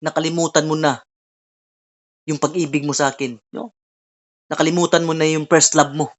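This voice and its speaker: A woman's voice: low-pitched, fairly even intonation, normal speed, highs cut off. A woman preaching earnestly at an online Bible study over a video call, often tagging her lines with a questioning "no?". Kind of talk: online sermon.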